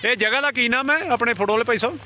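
High-voiced Punjabi man vlogging outdoors. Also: racing, sharp tone. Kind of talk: casual travel vlog chat. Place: outdoors in a snowy mountain valley. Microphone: handheld phone camera. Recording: outdoor crowd and vehicle noise.

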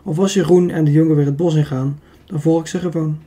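A man voicing a calm, confident young woman. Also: on the high side, fast talker, lightly acted. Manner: calm, persuasive.

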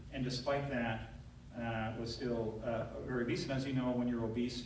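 A man's voice: mid-range voice, slight background noise. A middle-aged man, a neurosurgeon, giving a conversational conference talk from a lectern, telling a story with frequent fillers. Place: large lecture hall, at a lectern. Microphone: audience camera from far back. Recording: very echoey hall, recorded from far off.

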